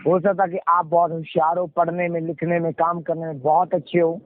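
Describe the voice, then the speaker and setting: A male pastor with a Punjabi accent delivers an exhorting sermon, repeating phrases and posing rhetorical questions he answers himself in call-and-response fashion. His voice is a little high, flat, and fairly quick. It comes through muffled and noisy over a conference call.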